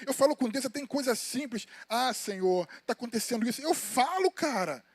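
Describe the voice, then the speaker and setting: A man's voice: extremely high pitch, lively intonation, brisk, dry recording. A Brazilian man preaching an informal sermon in a church, telling personal stories in a colloquial way and calling the listeners brothers. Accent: Brazilian Portuguese. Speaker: evangelist preaching. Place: church sanctuary.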